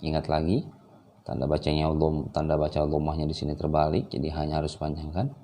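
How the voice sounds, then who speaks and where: A man teaching how to read the Quran, drawing out example syllables slowly and then explaining calmly with some hesitant fillers. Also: rumbling low. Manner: slow drawn-out recitation examples alternating with calm explanation. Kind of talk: recorded reading lesson.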